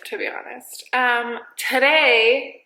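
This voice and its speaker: A young mother talks to her camera at home in a high, bright voice, drifting between thoughts with plenty of ums. The room rings noticeably around her, with a faint hiss underneath. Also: steady tone, slow pace, vocal fry, reverberant, rough recording. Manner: chatty and scattered, many ums and trailing asides. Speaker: vlogger, mother of two. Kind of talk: casual chat to camera. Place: at home by a window.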